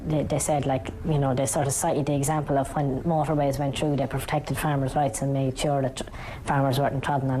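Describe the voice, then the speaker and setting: An Irish man in an interview whose voice has been disguised by lowering its pitch. He answers haltingly, with many fillers and restarts. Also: warm tone, a little hiss or hum, low-quality recording. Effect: voice disguised, pitched down very low. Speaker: anonymous farmer interviewee.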